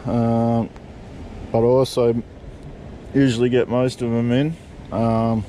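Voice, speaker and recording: A middle-aged Australian man talks through a fishing rig in a relaxed, mellow voice, dropping casual swear words as he goes. He is recorded on a body camera at the back of a parked vehicle, with a faint hum behind him. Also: mid-range voice, slow. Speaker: fishing vlogger. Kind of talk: casual how-to chat. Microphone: point-of-view body camera.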